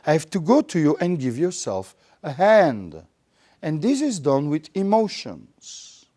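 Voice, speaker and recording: A man's voice: big pitch swings, unhurried. A man with a Belgian Dutch accent who is not a native English speaker, giving a live lecture and acting out his examples theatrically. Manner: theatrical, acts out examples with big swings in pitch and loudness.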